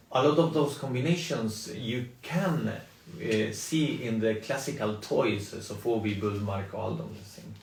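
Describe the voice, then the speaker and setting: A middle-aged man from Spain, chatting casually and haltingly on a live stream, with many ums and restarts. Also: medium pitch, vocal fry, slight background noise. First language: Spanish. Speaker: toy designer on a live stream. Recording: echoey room, mic at a distance.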